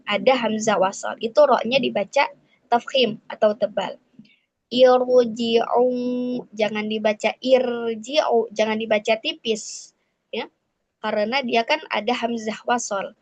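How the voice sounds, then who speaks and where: Slow, patient woman teaching recitation. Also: a little high, poor audio. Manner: patient, explains step by step with frequent "nah" and "eh"; models recitation examples slowly. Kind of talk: online tajwid lesson.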